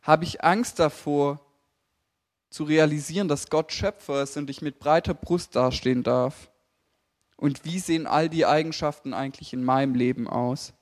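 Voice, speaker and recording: A young man preaching a sermon, lively and emphatic, speaking directly to the congregation. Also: a little high, normal speed.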